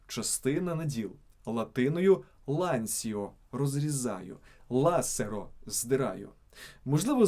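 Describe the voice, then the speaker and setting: A man's voice: mid-range voice, mellow. A man reading scripted narration for a video channel, stressing each example word on its own.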